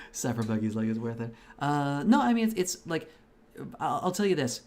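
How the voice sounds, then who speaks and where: A man from Belarus who grew up speaking Russian chats while live-streaming a game, cursing plenty and rambling with lots of restarts. His medium-pitched voice is very animated, slightly mellow, and delivered at a measured pace.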